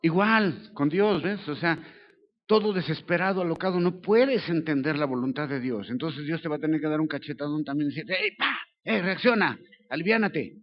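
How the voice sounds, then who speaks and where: A Mexican man preaching a sermon, his voice sitting a little high for a man. He keeps it conversational and keeps checking in with his listeners. The recording is dull and lo-fi. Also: brisk. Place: church service.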